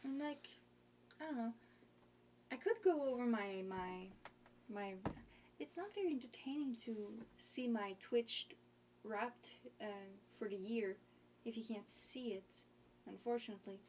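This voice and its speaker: Young woman streaming, kinda high voice, talks slow and rambly, lots of um and like. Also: animated, a little mellow, slight background noise. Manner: rambling, hesitant, many fillers. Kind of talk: casual chat.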